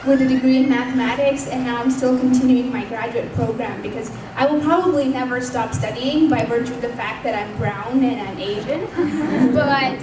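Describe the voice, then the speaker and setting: High-voiced young woman in echoey hall. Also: moderate pace. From Pakistan. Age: 20s. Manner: earnest, conversational, speaks up loudly. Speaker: invited speaker at a community event. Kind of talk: personal testimony speech. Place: community hall. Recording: echoey room, distant mic, background noise.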